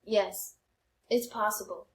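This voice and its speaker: On an echoey, roomy-sounding comedy podcast, a young American woman co-hosts, chatting casually and recounting personal stories. She takes things slowly, with a medium-pitched voice and fairly even intonation.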